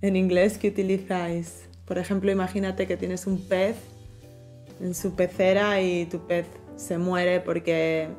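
A woman's voice: fairly low pitch, flat delivery, measured pace, darkish tone, faint music behind. A woman co-hosting a vocabulary lesson, leading with conversational prompting questions. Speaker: co-host.

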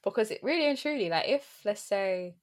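A woman's voice: medium pitch, expressive, a little fast. A young woman hosting a podcast in casual, slangy, jokey chat. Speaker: podcast host.

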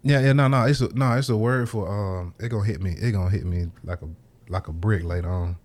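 Laid-back low-voiced man talking casually. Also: a little fast, a little mellow. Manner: laid-back, rambling, laughs often. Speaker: podcast host. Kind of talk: casual conversation.

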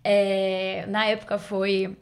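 A woman's voice: medium pitch, completely flat delivery, slow, vocal fry, clean tone. Casting: young woman, informal interview guest, drops English jargon into conversational speech. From Bahia, Brazil. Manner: informal, sprinkles English medical terms into speech. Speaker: podcast guest, doctor. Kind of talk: casual interview storytelling.

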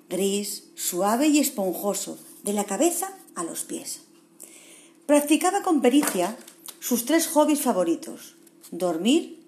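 A woman reading a rhyming children's story aloud in a gentle, expressive way. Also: on the high side.

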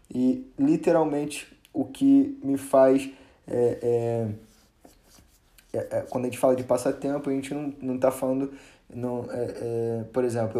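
Laid-back man teaching grammar, mellow tone. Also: medium pitch. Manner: relaxed, chatty, many fillers and restarts; stretches out example words for emphasis. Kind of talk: casual grammar lesson.

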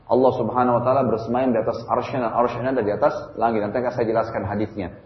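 A man preaching a sermon in an animated way, asking his listeners question after question. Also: mid-range voice. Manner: animated, with many rhetorical questions. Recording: roomy, dull lo-fi sound.

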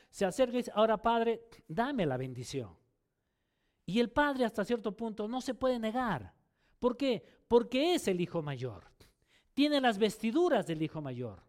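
A man preaching a sermon in a lively, rising and falling voice. He often stumbles over and repeats words as he restarts a phrase. He keeps turning to the listeners with questions. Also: very high-pitched. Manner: asks rhetorical questions to listeners.

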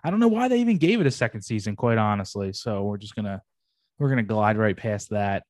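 Young dude on a podcast, hyped and slangy, swears a bit, dead dry mic. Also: male voice, fairly low pitch, quick pace, no echo. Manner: animated, slangy, swears casually. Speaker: podcast co-host. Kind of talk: casual chat reviewing anime.

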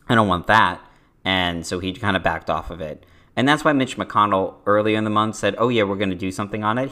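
A man's voice: lowish voice, a bit bright. A man co-hosting a podcast, explaining politics point by point in casual commentary, with frequent fillers. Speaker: podcast co-host.

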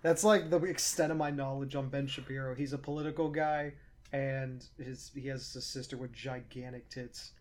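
Woman co-host, deep voice, ranty animated storyteller. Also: normal speed. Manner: animated storytelling, exasperated rants. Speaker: podcast co-host. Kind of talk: casual chat.

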